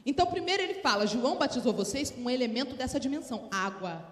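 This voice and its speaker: A woman with a Brazilian Portuguese accent preaching a sermon to women, often calling for responses from the congregation, her voice swinging between soft and loud. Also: fast. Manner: calls for audience responses; animated, sudden rises in pitch and volume. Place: church hall. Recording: echoey hall with long reverb.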